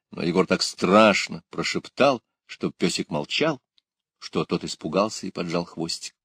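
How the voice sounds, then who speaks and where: A man's voice: fairly low pitch, slightly rough, dry recording, studio quality. A man narrating an audiobook in a dramatic reading style. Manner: dramatic, lifts his voice for shouted lines.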